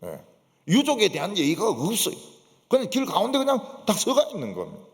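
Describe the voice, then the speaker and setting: This Gyeongsang-accented pastor preaches emphatically in a church sanctuary, his high-pitched voice brisk and swinging hugely in pitch. He fills the sermon with rhetorical questions and affirming asides, all under long church reverb.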